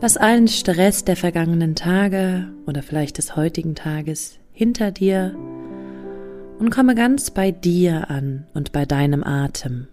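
Woman softly guiding meditation, close in the ear. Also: lowish voice, animated, unhurried. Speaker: meditation guide. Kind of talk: guided meditation. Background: soft music.

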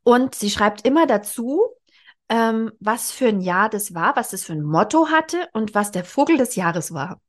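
With a fairly high voice, lively intonation and an unhurried pace, this forty-something woman talks books with her podcast co-host. She explains casually and thinks out loud along the way.

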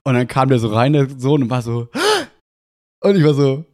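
A man hosting a casual podcast chat, telling a story with energy. His voice sits in an ordinary middle pitch. He acts out what others said as he goes. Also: measured pace. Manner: animated anecdote telling, acting out quoted dialogue. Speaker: podcast host.

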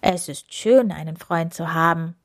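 A woman's voice: sits low, unhurried. A woman voicing a grumpy, grouchy big male bear who grumbles and growls in a storybook read-aloud. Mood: grumbling.

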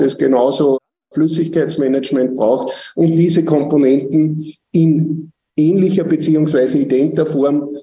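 A man, a company executive giving measured, technical answers in a business interview. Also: fairly high pitch, mellow, reverberant, recorded from a distance.

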